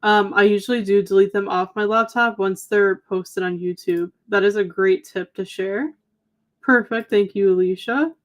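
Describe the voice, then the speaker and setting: At normal speed and in a mid-range voice, a young woman co-hosting a livestream chats casually while reading viewer comments, leaning heavily on "um" and "like." She sounds slightly tired and is a bit hoarse, as if losing her voice.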